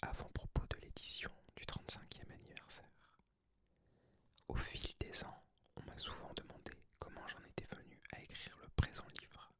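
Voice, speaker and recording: A person of unclear sex whispering softly and breathily, as in a library, in an ASMR book reading. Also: moderate pace. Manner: soft, hushed library whisper. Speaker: ASMR creator reading aloud.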